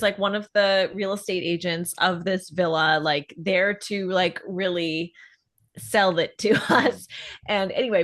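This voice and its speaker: A woman from Canada telling stories in a casual comedy podcast chat, animated and laughing often. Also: medium pitch. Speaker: podcast co-host.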